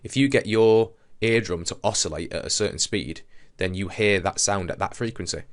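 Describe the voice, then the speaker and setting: A low-voiced man gives an informal science lesson at normal speed, explaining things conversationally like a teacher thinking aloud through a demonstration.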